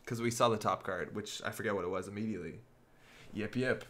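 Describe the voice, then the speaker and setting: A man's voice: lowish voice, fast talker, a bit bright. A man giving live, casual commentary on a card game, thinking aloud as he works through each play step by step.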